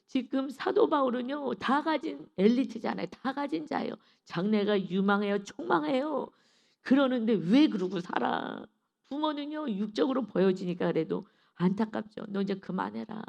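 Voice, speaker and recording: Gravelly-voiced woman preaching emphatically. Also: on the high side, expressive, normal speed, a little mellow, lo-fi sound. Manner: emphatic, preaching with rhetorical questions; acts out quoted speech of everyday people. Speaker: pastor. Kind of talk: early-morning sermon.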